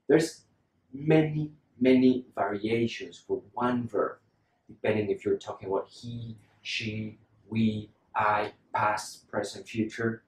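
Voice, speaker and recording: A man's voice: fairly low pitch, darkish tone. Man teaching English pronunciation in a roomy space. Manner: patient, repeats words for the learner to copy. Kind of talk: lesson.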